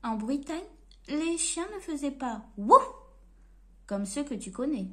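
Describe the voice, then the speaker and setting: A woman reading a storybook aloud to children in an expressive, playful way. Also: sits high, normal speed, a little hiss or hum.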